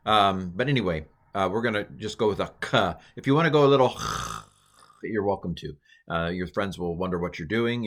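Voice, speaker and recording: Teaching Greek in a recorded lesson, this American man keeps things loose and joking, pokes fun at himself, and fills the gaps with lots of fillers. His voice sits lowish and sounds sharp.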